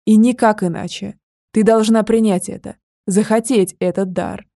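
A woman's voice: medium pitch, fairly even intonation, moderate pace, warm tone, no room sound, studio quality, close to an everyday voice. Woman voicing a fierce protective dragon. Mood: insistent. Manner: urgent, insistent, pressing.

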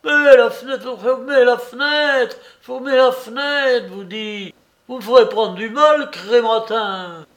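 A man's voice: slow pace, fairly bright tone, full character voice. A man reading an audiobook, voicing a fussy, indignant old male clerk who wails his protests. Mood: wailing. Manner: shrill, wailing protests. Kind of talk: audiobook character voice.

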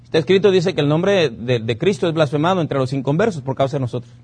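A pastor delivers a sermon in a church. His voice is husky and sits fairly high for a man. He presses his points with rhetorical questions and commands he repeats several times over. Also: lively intonation, quick pace, a little mellow.

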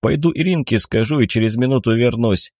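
A man's voice: medium pitch, a little fast, darkish tone, no room sound, studio quality, close to an everyday voice. A man reading an audiobook voices an eager grown man readily agreeing. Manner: eager, firm.

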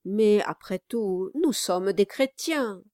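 A woman's voice: mid-range voice, expressive, slow pace, a little mellow, dry recording, studio quality. A woman reading an audiobook aloud, voicing a scheming, sly male lawyer with an unctuous, sneering manner. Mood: mock sorrow. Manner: unctuous, mock-sorrowful, sneering.

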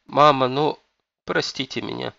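A man's voice: mid-range voice, steady tone, measured pace, creaky, sharp tone, dry recording, highs cut off, pitched above the performer's own voice, exaggerated voice. A man voicing a spoiled, lazy young man of twenty-two who whines and pleads. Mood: whining. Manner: whiny, pleading.

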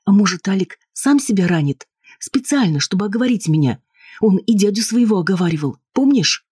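A man's voice: sits high, lively intonation, brisk, husky, no echo, clean studio sound, voice pushed up. A man voicing an anxious, indignant wife. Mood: agitated. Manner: pleading, sharp and defensive. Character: anxious, insistent wife, adult woman.

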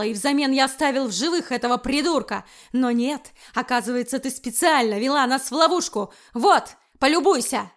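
A woman voicing a furious young male knight commander who shouts harsh threats. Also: a little high, natural voice.

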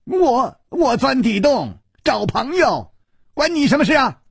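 A man's voice: extremely high pitch, big pitch swings, normal speed, fairly bright tone, slightly rough, no room sound, clean studio sound, pitched above the performer's own voice, full character voice. A man voicing a young nobleman who feigns madness, stammering, giggling and shrieking. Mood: manic.

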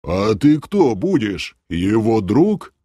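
A man voicing a stern, gruff male city guard who barks orders and grumbles in an audiobook. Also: medium pitch, sing-song, takes it slowly, a little mellow, no echo, studio quality, voice pushed up. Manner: barking orders, grumbling, suspicious. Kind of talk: audiobook character voice.

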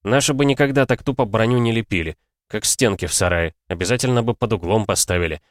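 A man voicing an animated, opinionated young male tank gunner in an audiobook. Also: on the low side, fast, no room sound, studio quality, natural voice.

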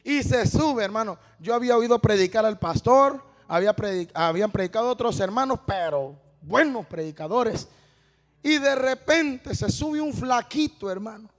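Male preacher, high gravelly voice, storytelling sermon in a long-reverb hall. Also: lively intonation, normal speed. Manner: storytelling, repeats "hermano", builds to shouting. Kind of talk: sermon testimony.

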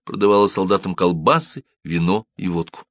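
A man narrating an audiobook in an expressive, dramatic reading style. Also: low-pitched, brisk, dry recording, studio quality.

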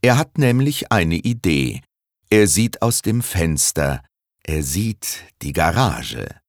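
A man reading a story aloud in an expressive, deliberate manner. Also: deep voice, dry recording, studio quality. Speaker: narrator.

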